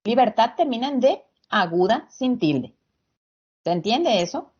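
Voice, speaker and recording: A woman teacher giving an online lesson, patient and slow, quizzing her students as she explains. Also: on the high side, very animated, breathy edge. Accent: Ecuadorian Spanish. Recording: lo-fi video call audio.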